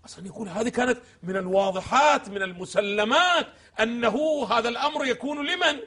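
A man as a religious scholar on a TV discussion show, explaining texts emphatically, asking fill-in questions and quoting passages slowly. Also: extremely high pitch, a bit bright, husky. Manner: quotes texts slowly and solemnly.

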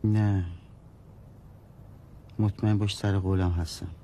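An actor playing a brooding husband, a former gambler, who answers in short, sullen replies in a broadcast drama. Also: male voice, sits low, little pitch movement, a little hiss or hum. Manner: curt, sullen, then shouting.

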